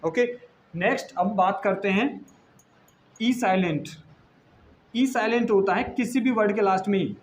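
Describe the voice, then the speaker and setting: High-voiced Indian teacher spelling out words. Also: male voice, measured pace, long pauses, slight background noise, poor audio. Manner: explains patiently, spells words letter by letter, asks and answers his own questions. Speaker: English teacher. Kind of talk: classroom lesson.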